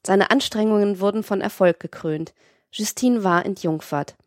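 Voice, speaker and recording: A woman narrating a classic novel as an audiobook in a measured, literary manner. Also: medium pitch, a little mellow, no room sound, clean studio sound.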